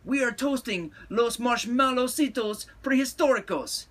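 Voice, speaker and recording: A man's voice: sits high, big pitch swings, measured pace, fairly bright tone, slightly rough, voice pushed up, heavily acted. A man voicing brash, cheeky little Chihuahua dogs from a storybook. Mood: brash, teasing.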